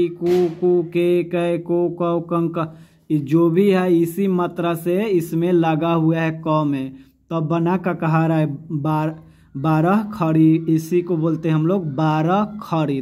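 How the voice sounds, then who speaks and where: Guy teaching grammar, slow and high, keeps asking then answering himself. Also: darkish tone. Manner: explains by asking and answering his own questions, repeats terms; mixes Hindi with a Bhojpuri-like dialect, calls pupils "bauaa". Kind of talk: grammar lesson.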